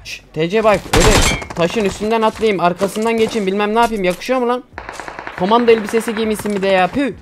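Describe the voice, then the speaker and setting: A man talks through a mobile shooter match in loose, lively commentary, calling out enemies and joking with teammates. Faint gunfire and game noise sit behind his voice. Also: high-pitched, fast talker. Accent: Turkish. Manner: excitable, swears casually, talks to viewers and teammates. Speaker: gaming YouTuber. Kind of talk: casual gameplay commentary.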